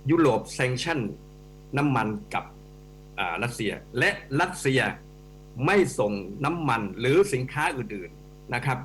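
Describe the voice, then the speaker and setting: A middle-aged man, an economics professor, giving animated, emphatic commentary as a guest on a radio talk show and addressing the hosts directly. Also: medium pitch, unhurried. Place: radio studio. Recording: radio studio with faint mains hum.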